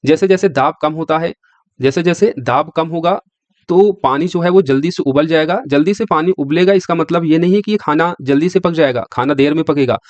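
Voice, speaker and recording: A man's voice: a little high, fairly quick, no echo. A male teacher giving an exam-prep science lecture who keeps asking the class questions and answering them himself. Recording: dry, slightly dull lo-fi sound.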